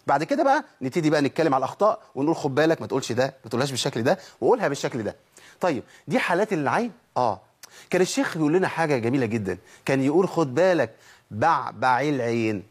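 A man with an Egyptian Arabic accent teaching Quran recitation, explaining letter sounds step by step and demonstrating them slowly. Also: a little high, sing-song, slightly rough. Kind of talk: tajweed lesson.

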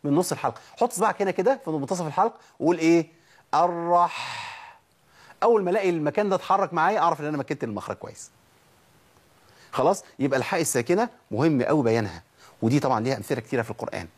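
A man's voice: fairly high pitch, lively intonation, very fast, darkish tone, slightly rough. A man with an Egyptian Arabic accent teaching Quran recitation, demonstrating each sound and asking and answering his own questions. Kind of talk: tajweed lesson.

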